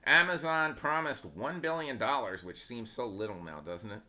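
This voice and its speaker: A man's voice: mid-range voice, moderate pace, bright, forceful tone. A man giving casual stock market commentary, opinionated and sarcastic, wandering into asides.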